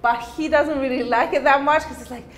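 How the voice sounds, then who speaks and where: A woman's voice: high-pitched, fairly quick, a little hiss or hum. A woman in her thirties, from Switzerland and Ghana, chatting relaxedly while showing an apartment. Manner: relaxed, chatty, laughs easily. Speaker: apartment owner giving a tour. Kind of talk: casual chat on a tour. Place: indoor apartment. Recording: echoey room.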